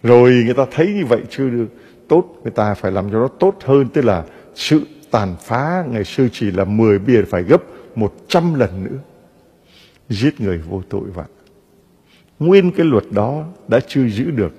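Husky-voiced priest preaching in a reverberant church. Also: male voice, medium pitch, a little fast. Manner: animated preaching with rhetorical questions to the congregation. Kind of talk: sermon.

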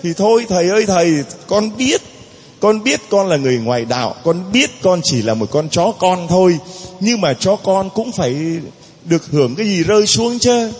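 A man's voice: high voice, expressive, moderate pace, a little mellow, slightly rough, long reverb tail. A priest voicing a humble foreign mother who keeps begging for her child as he retells a story in his sermon. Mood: pleading. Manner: imploring, insistent.

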